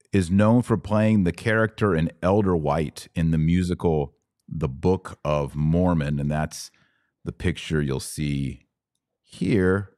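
An American-accented man with a low, darkish voice provides live, conversational podcast commentary, asking pointed rhetorical questions. The recording is dry and studio quality.

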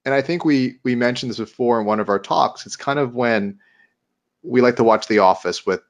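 A man with a medium-pitched, brisk voice co-hosts a casual podcast. He chats loosely and tells stories, acting out the quoted lines as he goes.

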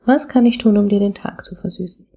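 A woman voicing an earnest husband who asks his wife again and again, in a gentle, steady way. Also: medium pitch, a little fast, slightly rough. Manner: gentle, steady, repetitive asking. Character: earnest middle-aged husband patiently asking his wife.

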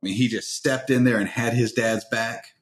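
A man's voice: medium pitch, fairly even intonation, moderate pace. A man from the American South, a podcast co-host telling stories in a wry, joking way. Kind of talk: casual chat. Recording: roomy echo.

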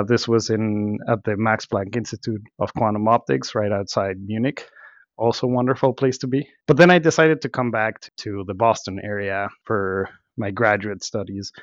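A man's voice: medium pitch, dry recording, muffled recording. A man in his thirties from Mexico, a company CEO giving thoughtful interview answers with frequent restarts.

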